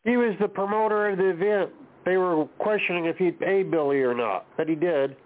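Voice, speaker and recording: His voice sits high and moves fairly quickly as this male podcast host runs a casual talk show. He keeps the conversation on track while questioning a guest, and the audio comes through a tinny, phone-like line.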